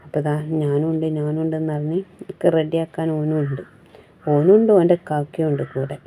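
A woman's voice: low-pitched, warm tone, slight background noise. A woman, chatting casually through a home vlog as a mother, with a cold that has changed her voice and a rambling style full of tag words.

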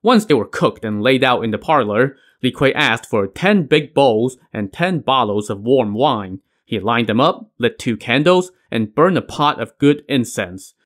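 A man's voice: medium pitch, lively intonation, a little slow, hardly any pauses. A man narrating a classic tale as a podcast host, in a wry tone with dry asides. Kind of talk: storytelling narration.

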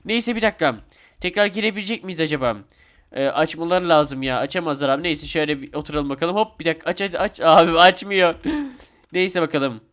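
A young man commentating a Roblox game with excitable, chatty talk to his viewers, a bit sick. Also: fairly high pitch, fairly quick. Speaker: gaming YouTuber.

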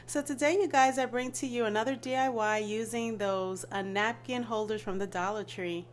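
A woman's voice: on the high side, fairly even intonation, moderate pace, soft background music. A woman whose voice is nasal from allergies, chatting through a step-by-step craft tutorial as host and often calling her viewers "you guys.". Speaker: DIY channel host.

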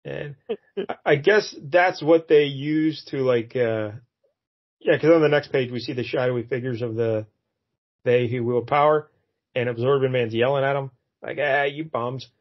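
Chatting about a comic book on a podcast he co-hosts, this man rambles along with many fillers and frequent chuckles. He talks at a moderate pace in a mid-range voice, captured on dull audio.

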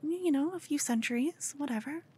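Here the ASMR performer speaks fairly quickly in a high, darkish voice with a light touch of acting. Her cute, obsessed fangirl character is flustered and brazen, nervous and defiant, stammering breathily and drifting into whispers.

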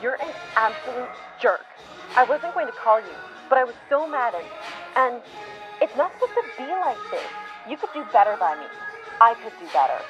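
A woman plays an angry young woman pleading with her ex in an amateur voice-over drama. Her pitch swings widely, the sound is dull and lo-fi, and music plays clearly behind her. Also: very animated, normal speed.

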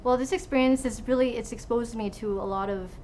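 Over background music, a woman from Hawaii in her twenties talks a little fast in a somewhat high voice. She's a student researcher responding informally to interview questions indoors at a laboratory.

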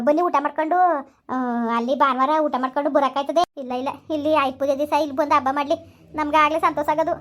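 A woman with a rural Kannada accent who hosts a village channel and acts out a homemade family drama in a fast, plaintive way. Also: high-pitched. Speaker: channel host and storyteller.

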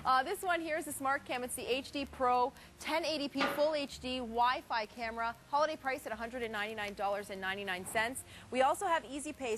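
A home shopping host, a woman with a slightly high voice and a persuasive, chatty delivery. She leans on key words as she sells. There is noticeable room noise in the studio recording. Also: a bit bright. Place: television studio set.

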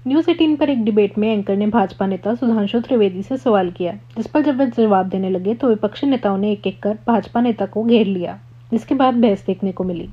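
A woman's voice: medium pitch, brisk, a little hiss or hum. A woman narrating a news segment in a formal, scripted voice-over. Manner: even, formal read-out delivery. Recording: dull, muffled voice-over.

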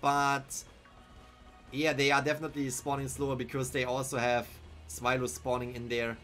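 Over faint music, a young streamer with a German accent delivers his commentary completely flat, at a moderate pace, in a mid-range and slightly bright voice. He's on a headset in a small room, chatting about his live game, musing aloud, and replying to chat.

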